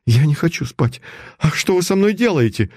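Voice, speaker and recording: A man reading a story aloud and voicing a frightened young captive woman in a high, pleading voice. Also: animated, fast, vocal fry, a little mellow, slightly rough, no room sound, studio quality. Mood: terrified.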